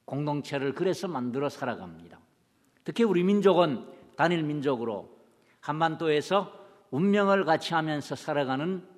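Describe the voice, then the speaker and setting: Man preaching in a reverberant church. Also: a little high. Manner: asks the congregation rhetorical questions and answers them himself; acts out little everyday dialogues. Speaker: pastor. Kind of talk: sermon.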